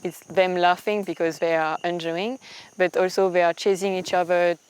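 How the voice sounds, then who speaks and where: A woman's voice: on the low side, level tone, moderate pace, darkish tone, clear, resonant tone, poor audio. A woman who works in conservation, explaining things in an unscripted documentary interview. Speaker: gorilla conservation worker.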